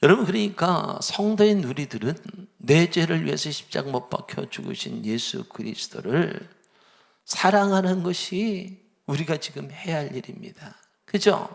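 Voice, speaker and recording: A male pastor delivers a sermon with a rather high voice. His tone carries a gravelly edge. He keeps asking the congregation questions and shifts into pleading voices as he preaches. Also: expressive, normal speed. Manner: acts out pleading and scolding voices within the sermon.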